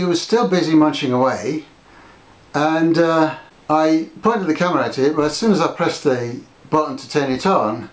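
An older man with a fairly high voice chats to camera from his home conservatory, telling a story about his garden and gesturing with his hands. He's a gardening vlogger talking casually, and the indoor sound is reverberant.

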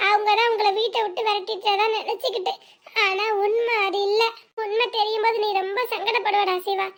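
Woman doing a young cartoon wife, Tirunelveli Tamil accent, extremely high voice, calm and sensible. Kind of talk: cartoon voice acting.

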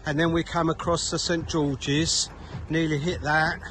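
A middle-aged man with a fairly high voice hosts a casual vlog from a small dinghy, chatty and quick to make fun of himself. He films on a phone held at arm's length, out on the open sea. Loud wind and lapping water run under every line. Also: little pitch movement. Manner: chatty, jokey, self-mocking. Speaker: vlog host. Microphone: phone camera at arm's length.

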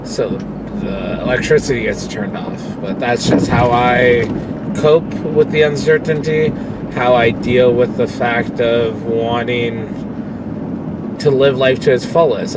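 This pro wrestler and vlogger speaks at medium pitch and an unhurried pace, rambling casually to his dashboard phone camera as he drives. He's candid and swears a lot, and the road and engine hum stays constant inside the car.

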